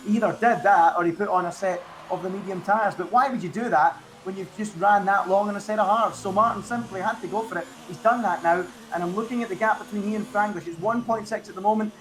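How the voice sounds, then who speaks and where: A man's voice: sits high, a little hiss or hum. A man giving co-commentary and analysis on a live esports race, chatty and fond of rhetorical questions.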